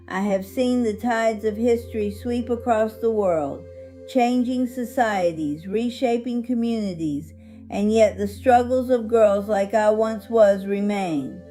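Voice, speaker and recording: A woman voicing a dignified, hopeful 101-year-old survivor, narrating her life story in a solemn, earnest, measured way over music. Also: on the high side, mellow, close to an everyday voice. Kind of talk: scripted first-person life-story narration.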